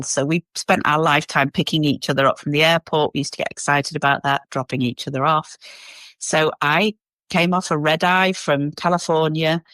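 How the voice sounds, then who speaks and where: A middle-aged woman recounts her own story as an interview guest. Her voice sits low, and she tells it in an animated, rambling way with plenty of ums. The sound is dry and close. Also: no room sound. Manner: animated, warm storyteller with many fillers.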